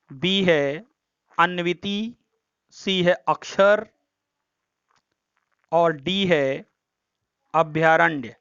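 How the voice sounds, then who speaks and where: A man with a high, smooth voice leads a Hindi grammar practice lesson. He steps through each option methodically and restates the corrections. The recording is dry and a little dull, with a lo-fi edge. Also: bright, forceful tone, no echo. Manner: explains step by step, repeats options and corrections.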